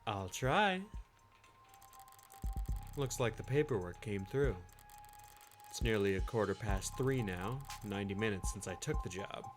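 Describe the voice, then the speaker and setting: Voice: sits low, voice pushed down, lightly acted. Streamer doing a weary noir attorney narrator. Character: weary hard-boiled defense attorney narrator. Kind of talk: noir voice-over reading.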